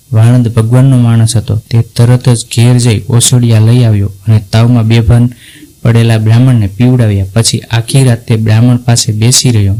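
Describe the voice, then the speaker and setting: A man narrating a devotional folk tale in an even, unhurried storytelling voice. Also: mid-range voice, low-quality recording.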